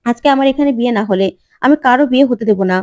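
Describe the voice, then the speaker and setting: A woman voicing a stubborn young woman desperate to be married, shrill and insistent. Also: very fast, darkish tone, no room sound, studio quality, lightly acted.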